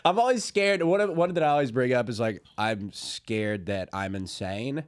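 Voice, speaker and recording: A man's voice: moderate pace, clean tone, no echo. Joking man from Alabama, dry sound. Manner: jokey, self-mocking, drops to low mumbles. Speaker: comedian guest. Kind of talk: casual podcast chat. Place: podcast studio.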